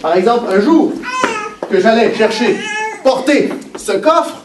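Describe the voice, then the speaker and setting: An actor with a Québécois accent playing a playful, boastful pirate who talks with the children in a live stage show. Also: male voice, sits high, expressive, unhurried. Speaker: children's entertainer. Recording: echoey hall, mic far off, background noise.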